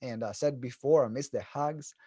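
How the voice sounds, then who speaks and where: An Italian man with an Italian accent, working as a business coach, gives an animated, informal and joking talk at an online event, telling stories to his audience. His mid-range voice is warm, moves at a normal speed, and the recording is dry.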